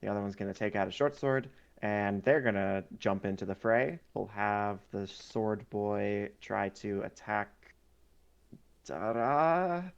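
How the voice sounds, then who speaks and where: Slow, smooth-voiced man running a game. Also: lowish voice, animated, highs cut off. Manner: unhurried, descriptive with frequent fillers. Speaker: game master. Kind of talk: narrating a tabletop game.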